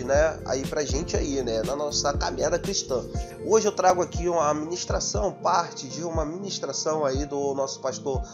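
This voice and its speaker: Brazilian male channel host, casual friendly intro, a little high-pitched, clear music bed underneath. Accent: Brazilian Portuguese. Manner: friendly, chatty, many fillers like "né".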